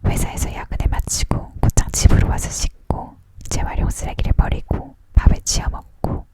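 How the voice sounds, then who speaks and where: A storyteller reading a novel aloud in a whispered ASMR style, leaning in to whisper. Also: normal speed. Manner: leaning in to whisper, hushed narration.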